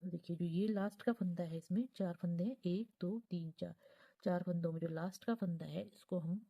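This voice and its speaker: Woman, knitting teacher, patient step-by-step instruction, counts stitches aloud, soft near-whisper at times, very warm mellow tone, husky. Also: on the low side, steady tone, moderate pace, highs cut off.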